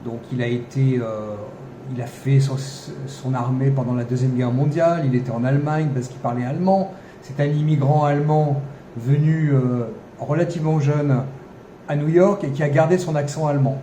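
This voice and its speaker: French guy rambling through his podcast, lots of "euh", mellow voice, roomy echo with faint hiss. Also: mid-range voice, fairly even intonation, moderate pace. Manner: hesitant, many fillers and restarts; wry, ironic asides. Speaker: podcast host. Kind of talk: unscripted commentary monologue. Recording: echoey room, faint background noise.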